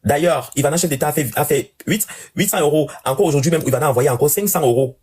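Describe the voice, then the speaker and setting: A man rants to his live-stream audience at a breakneck clip, doubling back on his own phrases. His voice has a husky, slightly raspy edge. It is casual, unscripted chat aimed at viewers. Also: fairly high pitch. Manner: rapid, animated ranting with repeated phrases.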